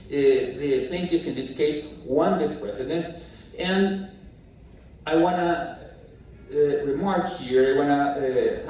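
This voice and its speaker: A man from Colombia giving a lecture in a halting way, with many fillers and restarts. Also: fairly high pitch, mellow, a little hiss or hum. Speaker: speaker at a talk. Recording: echoey hall, distant mic.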